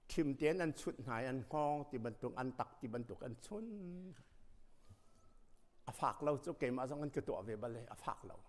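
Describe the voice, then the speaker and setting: A man preaching a sermon as pastor, speaking emphatically and rising to loud passages. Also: medium pitch. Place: church sanctuary. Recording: long reverb of a church hall.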